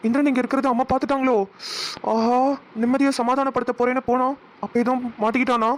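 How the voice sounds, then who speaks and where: Actor voicing young cartoon brother, high and fast. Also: flat delivery, close to an everyday voice. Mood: worried. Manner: fast, defensive. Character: young man, protective elder brother. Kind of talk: cartoon voice acting.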